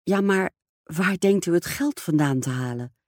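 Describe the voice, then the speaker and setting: A woman reading aloud, voicing a gentle, timid young stepdaughter who speaks hesitantly and politely. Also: on the low side, lively intonation, unhurried, no echo, studio quality, voice pushed up. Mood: anxious.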